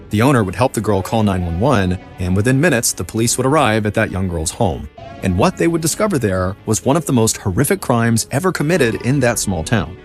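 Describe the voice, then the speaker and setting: A man narrating a true-crime story as a podcast host, in a dramatic storytelling manner. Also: on the low side. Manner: dramatic storytelling, lively intonation. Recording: faint music behind.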